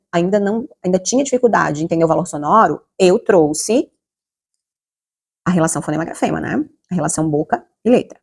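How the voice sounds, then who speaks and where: A woman's voice: mid-range voice, breathy edge. A woman with a Brazilian Portuguese accent explaining classroom literacy strategies to teachers, with frequent fillers and tag questions. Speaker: literacy educator. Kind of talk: instructional talk to teachers.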